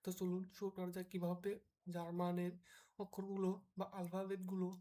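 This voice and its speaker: A woman's voice: on the low side, completely flat delivery, mellow. A woman from Bangladesh who tutors German, giving a patient beginner lesson and drilling the alphabet letter by letter so listeners can repeat after her. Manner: slow, patient, drills letters one at a time.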